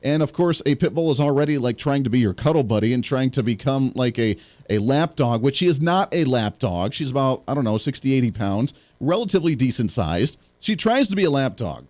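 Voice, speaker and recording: A man's voice: mid-range voice, very animated, brisk, darkish tone. A man hosting a political talk show, joking and rambling through sarcastic asides as he chats to his audience. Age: young adult or middle-aged parent. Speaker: host.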